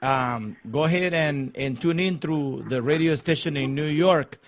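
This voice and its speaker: A man hosting a live radio call-in show, addressing guests and listeners with drawn-out announcer phrasing. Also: a little high, slight background noise. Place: radio studio.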